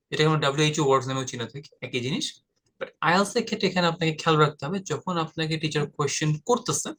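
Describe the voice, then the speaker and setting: A Bangladeshi IELTS tutor with a fairly high, fairly bright voice teaches a casual explanatory exam-prep lesson. He speaks directly and informally, calling the viewer "brother."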